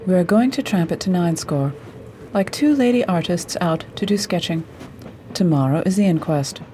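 A woman playing a brisk, authoritative lady detective in a radio play, speaking with precision. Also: lowish voice, lively intonation, dark tone, slight background noise, lightly acted. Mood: brisk, commanding. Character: brisk, commanding lady detective leading her assistant.

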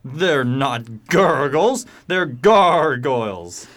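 A man's voice: mid-range voice, animated, drawn-out words, fairly bright tone. A man playing a grumbling, blunt old cab horse with a gloomy, dramatic manner in a radio play. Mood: stubborn, dry.

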